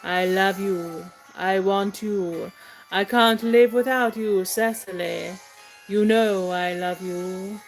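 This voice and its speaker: A woman playing a lovestruck, impulsive young gentleman suitor in a comic stage play, with halting, effusive declamation. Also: medium pitch, fairly even intonation, faint music behind, poor audio. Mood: passionate.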